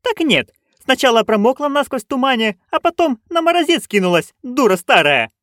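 A male reader voicing a loud, bossy old witch woman who shrieks and scolds. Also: very high-pitched, wildly swooping pitch, normal speed, no room sound, studio quality, voice pushed up, full character voice. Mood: shrieking.

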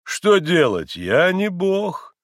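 Man voicing a haughty doctor, pompous, loud, slow, clipped, dry sound. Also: a little high, expressive, no echo, voice pushed up. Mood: condescending. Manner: clipped, pompous, stressing each syllable. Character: haughty impatient middle-aged male doctor.

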